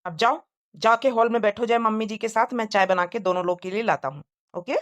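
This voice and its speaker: A woman voicing a caring young husband who coaxes his mother and wife gently in a cartoon moral story. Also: on the high side, a little fast, no room sound, lo-fi sound, lightly acted. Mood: coaxing. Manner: coaxing, gentle.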